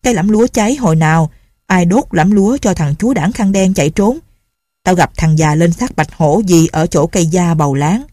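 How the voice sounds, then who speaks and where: A woman's voice: fairly low pitch, animated, brisk, no room sound, clean studio sound. A woman doing a harsh, angry old official. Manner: shouting and scolding.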